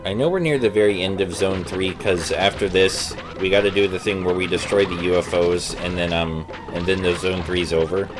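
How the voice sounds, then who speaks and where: Low-voiced man casually narrating a game. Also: steady tone, moderate pace, few pauses. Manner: rambling, hesitant. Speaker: Let's Play host. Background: video game music.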